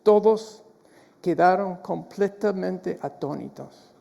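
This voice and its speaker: A man's voice: sits high, slow, vocal fry, warm tone, long reverb tail. A man preaching a sermon as pastor, earnest, often restarting and repeating words. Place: church hall.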